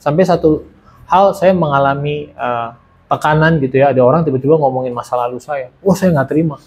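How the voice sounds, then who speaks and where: A man's voice: a little high, fairly quick, darkish tone, slightly rough. A man giving a casual sermon and personal testimony, often asking and answering his own questions. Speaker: preacher sharing testimony.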